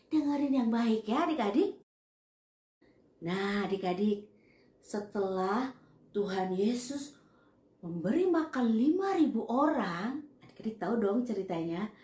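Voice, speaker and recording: High-voiced woman telling children a story. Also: reverberant, poor audio. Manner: exclamatory, drawn-out, coaxing. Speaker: children's church teacher.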